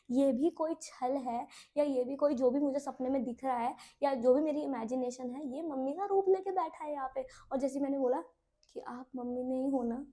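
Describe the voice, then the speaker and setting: Young woman, casual storytime vlogger, fast-talking and lively with viewers. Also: high-pitched. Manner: animated, addresses viewers as friends. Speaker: YouTuber.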